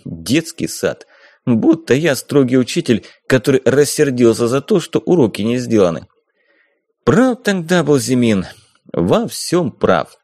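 A man narrating a first-person audiobook in a wry, expressive way. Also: mid-range voice, a little slow, dry recording.

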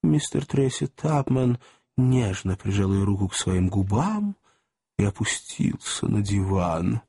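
Gravelly, husky male audiobook narrator. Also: on the low side, measured pace. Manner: expressive reading, voicing every character. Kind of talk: scripted narration.

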